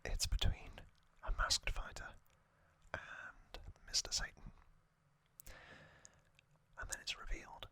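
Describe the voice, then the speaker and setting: Here an ASMR host talks through an explanation at an easy pace, all in an unvoiced, breathy whisper that sounds unrehearsed and is broken by many pauses. Expect a sharp tone.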